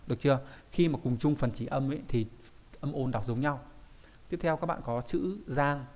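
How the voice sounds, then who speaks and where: A man's voice: medium pitch, darkish tone. Patient man explaining like a teacher. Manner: explains patiently, often checks with listeners. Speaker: Japanese kanji teacher. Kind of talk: explanatory online lesson.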